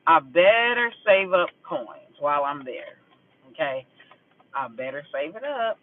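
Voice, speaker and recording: A man's voice: fairly high pitch, expressive, unhurried, a little hiss or hum. A man venting bluntly and with lots of swearing in a casual vlog, then reading tarot cards. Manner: blunt, profane and emphatic, venting about a grudge. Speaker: vlogger doing a tarot reading. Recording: tinny phone-like audio.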